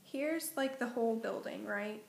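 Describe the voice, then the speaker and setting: A young woman talks straight to her camera, just out of bed, and rambles through a story with constant fillers and corrections. Her voice sits a little high and has plenty of gravelly fry. The room around her sounds echoey, with a faint hiss underneath. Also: measured pace. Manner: filler-heavy, self-correcting, meandering. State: just woken up. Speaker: vlogger.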